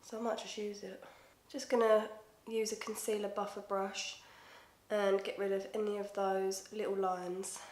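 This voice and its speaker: A woman's voice: medium pitch, little pitch movement, moderate pace, a little mellow. A woman in her twenties with an Essex accent, chatting casually and swearing freely through a makeup tutorial. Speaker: makeup vlogger. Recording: echoey room.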